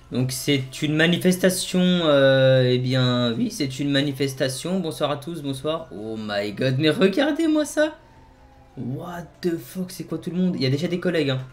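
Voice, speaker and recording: A man hosting a gaming video, giving playful commentary and jokingly barking commands as a team leader, excitable and joking. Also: a little high. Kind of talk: playful game commentary with role-play commands.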